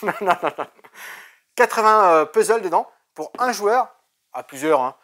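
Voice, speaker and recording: A man's voice: sits high, expressive, moderate pace, fairly bright tone. A man presenting board games in a shop, chatty and jokey, with many fillers. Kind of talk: casual game presentation.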